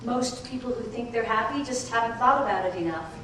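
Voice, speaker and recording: Casting: wry mother, a woman playing her, high voice, taped from far back in a boomy theater. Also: brisk, fairly bright tone, slight background noise, lightly acted. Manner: dry, self-mocking wit. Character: wry sardonic middle-aged mother in therapy. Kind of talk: stage musical acting and singing. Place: large theater stage. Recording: distant echoey theater bootleg, live band.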